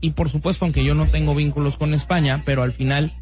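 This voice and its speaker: A Mexican man with a Mexican accent appears as a radio guest in casual radio talk, making an emphatic, opinionated case packed with rhetorical questions. He talks fast in a fairly high, darkish voice with a steady tone, and the radio sound is dull and lo-fi with music.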